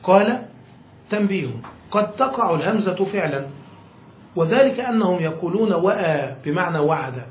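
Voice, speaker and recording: A man's voice: high-pitched, expressive, moderate pace. A man teaching Arabic grammar from a classic text, reading passages aloud and often asking if he is understood. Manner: checks understanding with frequent questions; reads passages aloud then explains them. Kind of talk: explaining a grammar text to a student. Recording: echoey room with faint noise.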